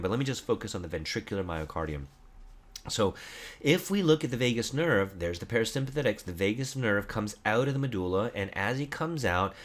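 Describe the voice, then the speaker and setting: A man teaching anatomy and physiology over slides in a casual, lively lecture, quizzing listeners with true-or-false questions and correcting himself as he goes. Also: fairly low pitch.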